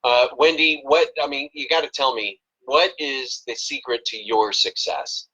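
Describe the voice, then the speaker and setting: A man's voice: mid-range voice, unhurried, sharp tone, husky, dull audio. A man hosting a live stream interview, upbeat and encouraging toward his guests. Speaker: host.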